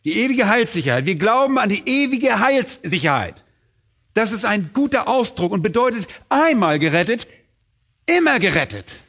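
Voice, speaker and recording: A middle-aged man preaches a sermon in a high, sing-song, slightly bright voice at normal speed. He is emphatic and keeps posing questions that he then answers himself.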